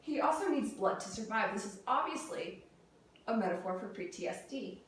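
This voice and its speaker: A young adult student with a fairly high, fairly bright voice and lively intonation gives a prepared persuasive speech at a moderate pace, reading structured points and occasionally stumbling over words. She's recorded by a distant camera or room mic in a very echoey room, with faint noise present.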